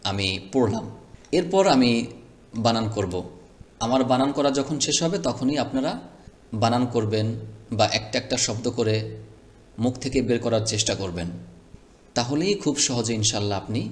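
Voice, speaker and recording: A man teaching Quran reading, spelling out letters slowly and deliberately, with short melodic recitations. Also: mid-range voice. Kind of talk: step-by-step spelling lesson.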